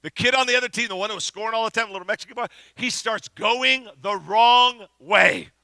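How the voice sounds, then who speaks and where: A middle-aged man preaching a sermon as pastor, telling a story with animated energy and shouting at the big moments. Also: high-pitched, a little fast, vocal fry, no echo.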